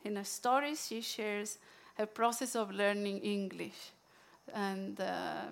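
A woman with an Italian accent who talks through books she loves, reads a poem aloud, and pauses often with fillers and restarts. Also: medium pitch, fairly even intonation, vocal fry. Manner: halting, many fillers and restarts. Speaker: book presenter. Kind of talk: casual book sharing with a poetry reading.

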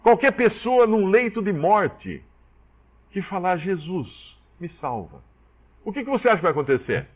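A man's voice: high-pitched, normal speed. A man preaching a sermon, acting out the dialogue he quotes. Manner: animated, acts out quoted dialogue.

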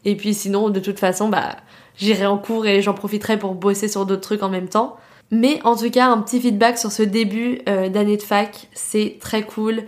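A woman's voice: mid-range voice, fairly even intonation, normal speed, a little mellow. A young woman from France hosting a casual solo podcast, talking in a chatty, slangy way full of filler words. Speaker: podcast host.

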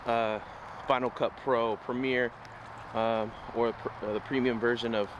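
The audio sounds dull as a man with a mid-range, fairly flat voice speaks a little slowly to camera during a city-street walk. He's losing his voice, but his rambling, casual talk is upbeat and motivational, recorded amid street noise.

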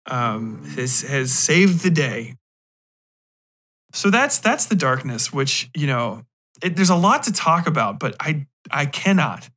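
A podcast host with a fairly high, fairly bright male voice rants casually about a film, blunt, mocking and profane. His comedic rambling retells scenes while he acts out imagined bits of dialogue.

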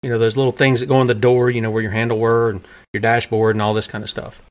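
A man's voice: mid-range voice, little pitch movement, fast talker. A man preaching in a sermon-style podcast, earnest and emphatic, with plainspoken, folksy phrasing and repeated key lines for weight. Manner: earnest and emphatic, pressing his points hard.

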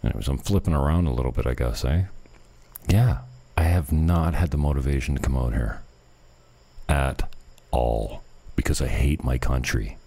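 Deep-voiced, rambling man, natural unscripted talk. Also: normal speed, creaky, mellow. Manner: rambling, profane. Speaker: online show host. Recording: music playing behind the voice. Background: music.

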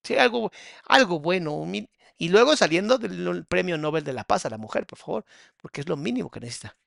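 A man with a Mexican accent mocks a video in crude, sarcastic commentary. His voice sits a bit high and rasps with gravel, and it sounds dry and close. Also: expressive, brisk, a bit bright, dry recording. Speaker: psychologist reacting to a video.

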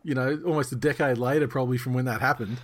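A man's voice: medium pitch, steady tone, fast. Australian male podcast host, rambling and sweary, slight background noise. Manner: rambling, repeats and rephrases himself. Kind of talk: casual banter, heavy swearing.

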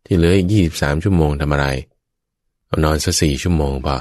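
Deep-voiced man giving a lively sermon. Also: fast, dry recording, clean studio sound. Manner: lively storytelling with vivid sound words and playful asides; keeps addressing the listeners directly. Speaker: Buddhist dharma preacher. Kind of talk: sermon to radio listeners.

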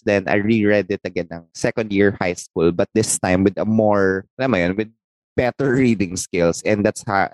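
A man in casual chat, speaking in a reflective, measured way and mixing English with Tagalog. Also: on the low side, no echo.

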